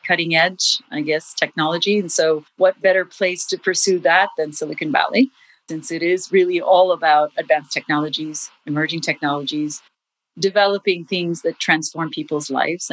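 A woman from India, raised in Morocco, speaking as an interview guest in a steady, thoughtful way. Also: lowish voice, dry recording, rough recording. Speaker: guest, investor. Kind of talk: casual interview talk.

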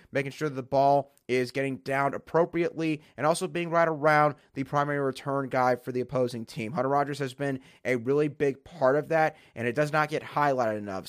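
A man hosts a solo sports podcast and talks straight to his listeners. His voice sits a bit high and comes out stuffy and nasal from allergies. He sounds eager and upbeat throughout. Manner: enthusiastic, direct address to listeners.

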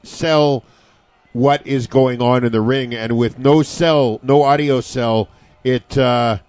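A man's voice: medium pitch, fairly even intonation, slow, darkish tone, dry recording. Sardonic male wrestling commentator, dry sound. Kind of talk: analytical wrestling commentary, casual chat.

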